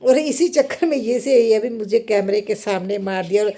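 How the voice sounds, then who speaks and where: A woman's voice: medium pitch, normal speed, mellow. A woman, narrating her daily chores in a casual, homely vlog. She chats easily, laughs often and keeps leaning on the little filler 'है ना'. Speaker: homemaker vlogger, mother.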